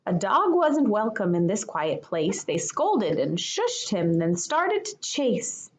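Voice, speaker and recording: Slowly and expressively, a woman who teaches kindergarten reads a picture book to young listeners in a medium-pitched voice.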